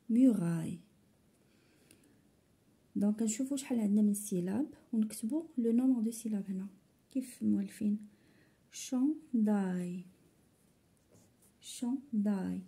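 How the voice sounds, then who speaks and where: A woman's voice: medium pitch, creaky, mellow, breathy edge. A woman with a Moroccan accent teaching a French phonics lesson to young pupils, explaining in Moroccan Arabic and repeating each word twice. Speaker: primary school teacher.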